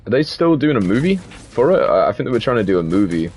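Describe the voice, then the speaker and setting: A man's voice: medium pitch, very animated, quick pace, darkish tone. A man streaming a video game, chatting casually with joking, profane commentary. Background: game music.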